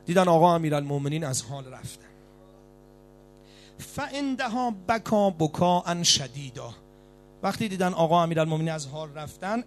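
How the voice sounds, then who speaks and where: A man preaching a mourning sermon, moving from slow, solemn recitation into sung, wailing lament. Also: fairly high pitch.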